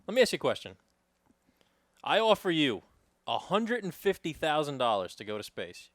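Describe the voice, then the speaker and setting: A man's voice: on the high side, sing-song, normal speed, a bit bright, no room sound, clean studio sound. A man with a New York accent co-hosting a podcast, teasing his friend with hypothetical questions in casual banter. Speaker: podcast co-host.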